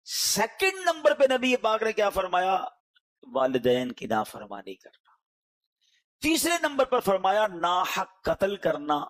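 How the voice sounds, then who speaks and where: Pleading Pakistani preacher man, lively voice. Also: high-pitched. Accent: Pakistani Urdu. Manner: emotional, pleading, swings between loud and hushed. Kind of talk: sermon.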